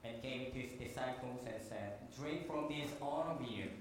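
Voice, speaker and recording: A man, a pastor, leads a communion prayer in a measured, reverent way, speaking at a pulpit microphone in a large church sanctuary. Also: mid-range voice. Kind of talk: leading a communion liturgy and announcements. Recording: very echoey church hall, faint hiss.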